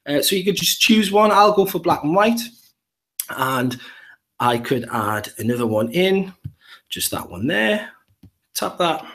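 Upbeat Geordie teacher, higher voice. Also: male voice, very animated, unhurried, pauses often, a bit bright. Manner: upbeat, step-by-step walkthrough. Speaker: primary school teacher. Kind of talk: live app demonstration.

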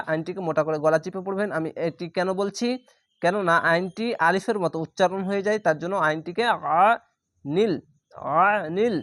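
A man with a Bangladeshi Bengali accent teaching Quran reading, spelling each word letter by letter and then drawling it slowly. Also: high-pitched, no room sound, studio quality. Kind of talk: spelled-out Quran recitation lesson.

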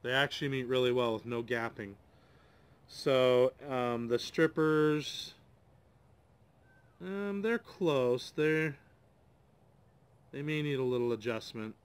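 A DIY channel host in his forties sits at an outdoor table reviewing tools in a casual, rambling way. His medium-pitched voice is clear and resonant, and he speaks slowly with frequent pauses, hesitating and thinking aloud with many ums.

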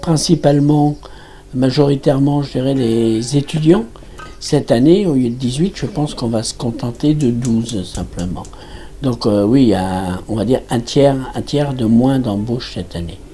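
A man in his sixties from France, a campsite manager giving an interview in a small office, speaking haltingly with many restarts and fillers. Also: medium pitch, mellow.

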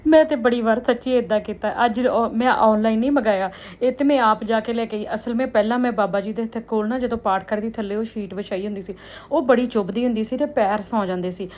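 A woman's voice: fairly high pitch, fast talker, darkish tone. A woman from India telling everyday household stories in a casual, chatty vlog, confiding in viewers like girlfriends. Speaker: vlogger.

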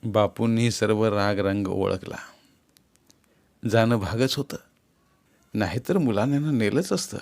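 A man's voice: on the low side, takes it slowly, long pauses, a little mellow. Man reading a novel steadily. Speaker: audiobook narrator. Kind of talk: scripted novel narration.

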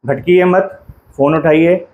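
A man in his thirties from India, giving a phone-filmed factory tour and then a sales pitch to viewers from a small office, speaking in a direct, persuasive way. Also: fairly even intonation, unhurried, phone-quality sound. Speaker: detergent company owner and trainer. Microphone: phone at arm's length.

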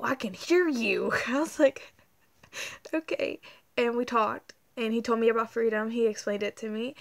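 Young woman, casual vlog, rambling, excitable, lots of ums, slightly high voice, tablet mic. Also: gravelly. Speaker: vlogger. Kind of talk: casual chat to camera. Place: indoors at home, dim room. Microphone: tablet camera held close.

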